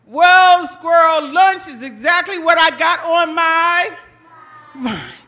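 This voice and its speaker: A sly, greedy male buzzard from a told folktale, all flattery and showy coaxing, as a woman storyteller puts him on. The voice sits very high and bright, and the words come out slow and drawn out. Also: highs cut off, exaggerated voice. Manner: coaxing, sweet-talking, loud and showy.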